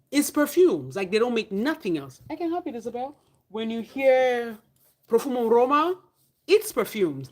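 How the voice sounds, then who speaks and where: A woman vlogger chatting casually to camera about perfume, candid and animated, with playful asides and the odd whisper. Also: medium pitch.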